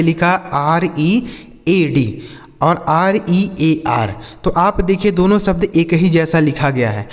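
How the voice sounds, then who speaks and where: A man teaching a spoken lesson, spelling letters out slowly and repeating questions to the viewers before answering them. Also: high voice, long reverb tail. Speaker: English teacher.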